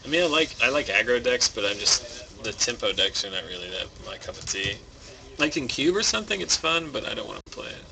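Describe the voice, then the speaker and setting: A man giving relaxed, rambling commentary on a card game match, thinking aloud. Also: medium pitch, brisk, gravelly, rough recording. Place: game store. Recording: background noise in a game store.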